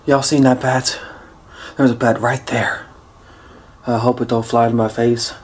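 A paranormal urban explorer in his late twenties wanders an abandoned house at night alone, keeping up a low, level, unhurried commentary to his handheld camera. The vlog's audio, from the camera mic, is noisy.

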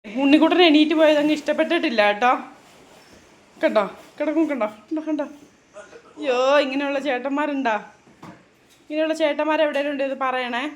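A high-pitched woman in her thirties talks in a chatty, doting way, drifting into slow teasing asides. She is a mother filming a casual family vlog at home. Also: slight background noise.

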